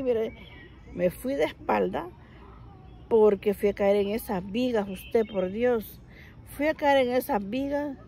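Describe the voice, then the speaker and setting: A woman vlogger telling a childhood story to the camera in a casual, animated way, speaking to the listener formally. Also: a little high, slight background noise. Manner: frequent laughter while telling the story.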